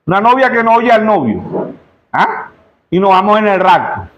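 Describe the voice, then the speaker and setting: Preaching a sermon in church, a male pastor with a Zulia Venezuelan accent keeps calling on the congregation to respond, asking "yes or no" again and again. His voice sits high and very animated, with a fairly bright tone and normal speed, though the audio is dull.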